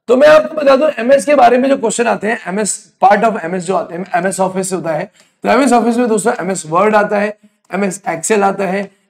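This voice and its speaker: A man's voice: high-pitched, creaky. A man teaching an online exam-prep class, quizzing students and answering his own questions, sometimes scolding bluntly. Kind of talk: online exam coaching lecture.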